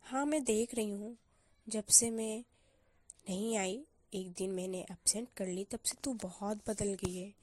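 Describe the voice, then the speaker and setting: A woman voicing a young female college student who is lovestruck and quick to take offence, arguing defensively. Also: medium pitch, steady tone, dark tone, a little hiss or hum, lightly acted. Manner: defensive, argumentative. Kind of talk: storyteller voicing a character.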